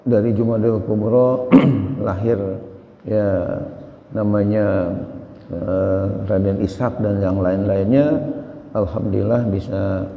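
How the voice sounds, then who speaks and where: A middle-aged man giving a religious lecture and answering questions, speaking in a measured way with many short fillers. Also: lowish voice, steady tone. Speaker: Quran teacher leading a tafsir study. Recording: echoey hall, dull lo-fi sound.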